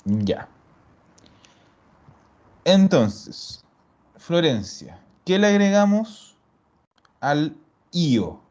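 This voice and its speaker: A man's voice: a little high, very animated, extremely slow, pauses often, darkish tone. A man teaching a grammar class, explaining step by step and patiently repeating his students' answers. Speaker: Italian teacher. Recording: dull lo-fi recording.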